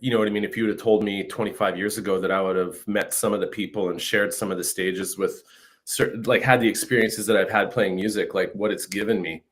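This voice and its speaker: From a home room on a video call, a northern Saskatchewan man in his fifties, a Canadian musician, talks fast in a steady tone and lowish voice. The interview is casual, the sound comes via the call's mic, and he often appends "you know what I mean."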